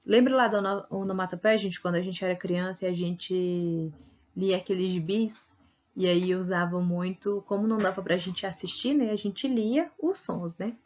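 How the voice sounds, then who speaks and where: A woman's voice: lowish voice, normal speed, a little mellow, dull audio. A Brazilian woman teacher giving a recorded video lesson, explaining patiently and often checking in with tag questions. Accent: Brazilian Portuguese.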